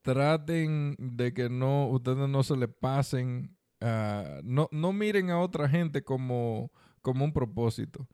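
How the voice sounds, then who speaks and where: A man with a Dominican accent talks casually as a podcast co-host. His medium-pitched voice is clean and resonant, recorded dry. He uses colloquial slang and repeats himself for emphasis. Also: takes it slowly, mellow, clean tone, no echo. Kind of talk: casual conversational chat with advice to listeners.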